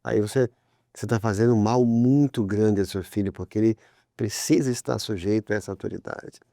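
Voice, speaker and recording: With a lowish, gravelly and creaky voice, a man whose accent is Brazilian Portuguese gives a fairly quick religious talk on family and faith. He keeps it conversational and grows animated in his examples. There's no room reverb; the studio audio is dry and intimate.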